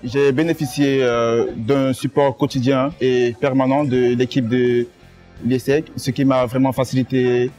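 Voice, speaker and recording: A man's voice: medium pitch, little pitch movement, normal speed, a little mellow, faint music behind. A young man from Cameroon, a student giving an earnest testimonial.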